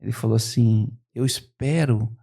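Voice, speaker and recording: A man, a guest on a podcast, retelling a story with lively quoted dialogue. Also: medium pitch, moderate pace, gravelly. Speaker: business owner guest.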